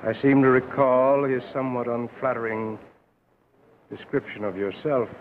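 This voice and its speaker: A man's voice: medium pitch, steady tone, moderate pace, phone-quality sound, natural voice. Wry, urbane older male showman, played by an actor, formal diction, on a band-limited, faintly hissy 1930s film track. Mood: wry, probing. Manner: formal, genteel, wry understatement. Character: urbane, dry-witted older male sideshow performer.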